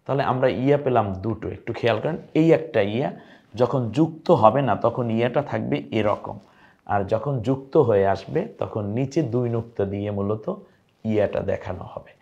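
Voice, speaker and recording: A man's voice: lowish voice, moderate pace, dark tone, muffled recording. A man teaching viewers to read Arabic letters, coaxing them to repeat each letter name after him. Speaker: Quran teacher.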